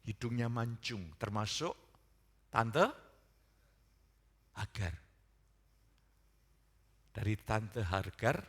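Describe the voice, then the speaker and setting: A man preaching a sermon as pastor, moving from quiet storytelling to loud, fervent preaching. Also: medium pitch, slightly rough.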